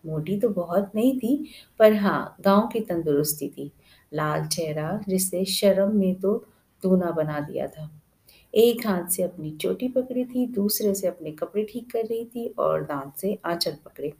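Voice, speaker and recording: A woman narrating a novel aloud in an expressive storytelling manner. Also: fairly low pitch, a little slow, low-quality recording. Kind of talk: audiobook novel reading.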